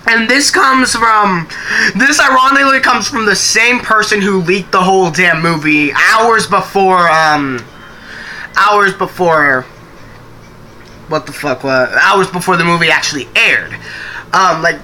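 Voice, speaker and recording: A man's voice: sits high, moderate pace, bright, forceful tone, a little hiss or hum. A young man streaming live and chatting casually, rambling with restarts and some swearing.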